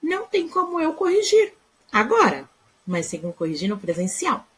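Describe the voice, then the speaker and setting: A Brazilian woman teacher with a fairly high voice. Her pitch rises and falls a lot as she walks young pupils through the lesson patiently, step by step. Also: wildly swooping pitch, moderate pace, a bit bright. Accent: Brazilian Portuguese. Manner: patient, explains step by step with frequent "tá?". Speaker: primary school teacher. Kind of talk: recorded remote class explanation.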